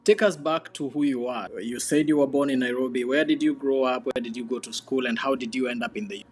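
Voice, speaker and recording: A man's voice: mid-range voice, steady tone, brisk, soft background music. A man hosting a diaspora TV interview, with formal introductions and brief prompts. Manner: formal broadcast introductions, short listening replies. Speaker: TV host. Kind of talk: hosted interview.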